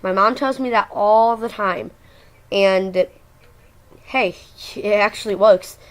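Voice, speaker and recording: A woman's voice: medium pitch, slow, rough recording. Teenage girl who says w for r. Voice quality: speech impediment, says w for r. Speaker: video blogger. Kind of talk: casual personal talk to camera.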